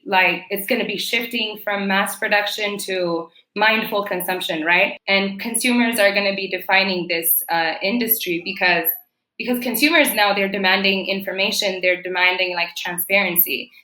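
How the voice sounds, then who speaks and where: A woman's voice: medium pitch, pushed and bright, echoey room, low-quality recording. A young adult woman from Ethiopia, a fashion designer and entrepreneur, answering interview questions in a chatty way with many fillers.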